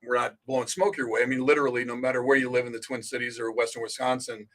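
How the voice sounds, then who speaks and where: A man's voice: mid-range voice, little pitch movement, quick pace, fairly bright tone. A man co-hosting a real estate radio show, giving advice in an emphatic, casual way and often repeating words as he starts a sentence. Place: radio studio.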